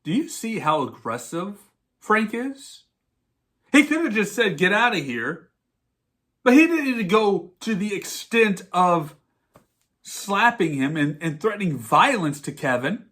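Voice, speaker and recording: A man's voice: sits high, very animated, a little slow, fairly bright tone. A man hosting a podcast, giving a sarcastic, exasperated movie rant. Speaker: podcast host. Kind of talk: ranting movie commentary.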